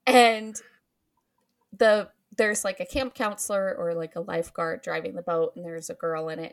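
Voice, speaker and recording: Recapping a movie's plot, this podcast host speaks with a fairly low pitch and vocal fry. The chat is casual and giggly, full of laughter and frequent ums and likes.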